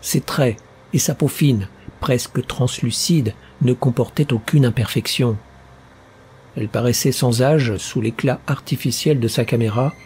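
A male narrator reads a first-person story aloud in an audiobook. His delivery is measured and literary. The voice is warm and mellow at a middle pitch. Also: slight background noise.

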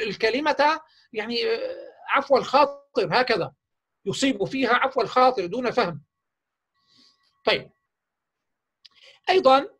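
A man with a husky, slightly breathy voice leads a workshop for teachers. He explains step by step, often stopping on fillers and restarting his sentences. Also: very high-pitched, fairly bright tone. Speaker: teacher trainer. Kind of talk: workshop lecture.

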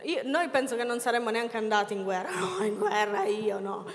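A woman pastor with a Milan Italian accent giving a lively, teasing sermon to her congregation in a theatre hall. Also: on the high side, moderate pace. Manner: playful, teasing the congregation, acts out voices of doubters. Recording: reverberant hall, live.

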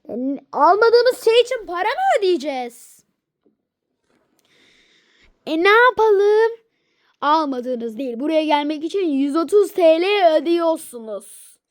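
A woman with a very high voice performs every toy character in a homemade skit, letting them bicker stubbornly back and forth. She speaks slowly and draws out her lines. The recording is dry and close, with no room sound. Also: no room sound.

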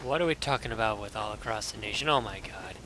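A young man casually commentating his own gameplay, excitable and swearing, yelping out loud as things happen. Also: fairly low pitch, quick pace, slight background noise. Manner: excitable, swearing, yelps and reacts loudly.

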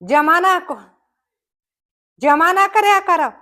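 A woman's voice: very high voice, expressive, slow, bright, forceful tone, full character voice. A woman as a nagging village mother-in-law. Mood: gossipy complaining. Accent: Malwai Punjabi. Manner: scolding, rustic and emphatic. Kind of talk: comic village skit.

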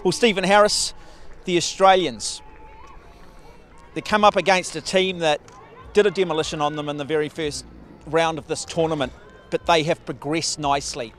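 Upbeat middle-aged male presenter, slightly high voice, outdoors. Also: steady tone, normal speed, pauses often, a bit bright. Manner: upbeat, punchy. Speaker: sports presenter. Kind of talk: broadcast presenting and interviewing. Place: outdoors on a rugby field. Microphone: handheld reporter mic.

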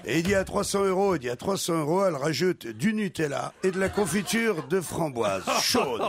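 Un homme qui raconte des blagues grivoises à la radio, d'un débit décousu et plein d'hésitations. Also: male voice, a little high, lively intonation, normal speed. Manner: loose, rambling delivery with many hesitations. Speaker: radio joke teller. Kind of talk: telling bawdy jokes.

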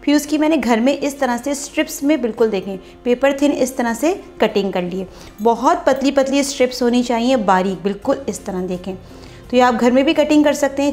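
A woman walks viewers through a recipe step by step in her home kitchen while cooking. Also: a little high. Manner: step-by-step explaining while cooking, frequent "dekhein" asides. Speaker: cooking channel host. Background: soft background music and frying sizzle.

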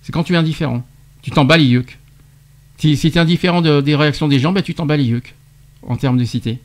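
Un animateur de radio qui interroge son invité en expliquant de l'argot, avec entrain et des rires. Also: male voice, fairly high pitch, fast talker. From France. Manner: quizzing, explaining slang terms with laughs. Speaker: radio show host. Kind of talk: radio debate segment.

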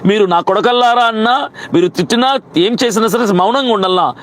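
A man who is a pastor, telling the story of his arrest in a heated, fast retelling and acting out both sides of the exchange. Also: high voice, fairly bright tone. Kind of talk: recounting an arrest to camera.

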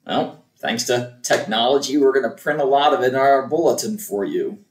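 A man's voice: mid-range voice, lively intonation, moderate pace, slight background noise. A man serving as church cantor, patiently explaining things step by step to a congregation. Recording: roomy echo.

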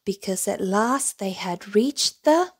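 A woman reading a children's picture book aloud, gentle and expressive. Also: a little high, unhurried. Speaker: storyteller.

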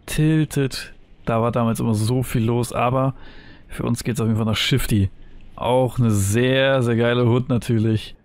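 A young man giving excited, nostalgic commentary on his gameplay, full of youthful slang. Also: medium pitch, a little slow. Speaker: gaming streamer.

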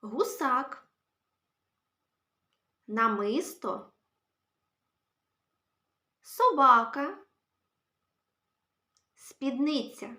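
Bright-voiced woman teacher in an echoey room. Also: high voice, animated. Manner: cheerful, slow, sounds out words one by one. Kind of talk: phonics lesson for young children. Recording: roomy echo.

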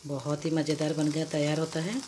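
A woman vlogger in her home kitchen giving a slow, patient step-by-step cooking explanation, pausing often as she works. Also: low-pitched, flat delivery. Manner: slow, patient explaining with many pauses and restarts. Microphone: camera above the hands, speaker off-screen. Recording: home kitchen with audible stove noise. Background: sizzling and frying sounds.

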